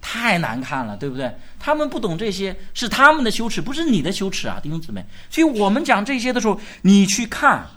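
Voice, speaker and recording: A male pastor preaching a sermon at a church gathering, animated, firing rhetorical questions and urging the congregation to answer loudly. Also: sits high, fast, few pauses.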